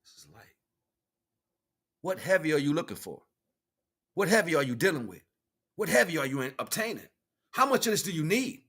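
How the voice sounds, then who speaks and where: An American man with a slightly high, sharp-edged voice improvises a spiritual message in street slang as a livestream host and spiritual teacher, like casual street preaching. Very animated and a little fast, he pauses often, repeats phrases emphatically to drive points home, and slips into imagined back-and-forth dialogue.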